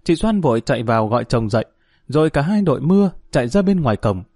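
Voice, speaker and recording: A man reads a story aloud at a middle pitch, measured and steady. The recording is close and dry, with no room sound around the voice. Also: dry recording. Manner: hesitant fillers when speaking to listeners. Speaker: audiobook narrator. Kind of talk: audiobook narration.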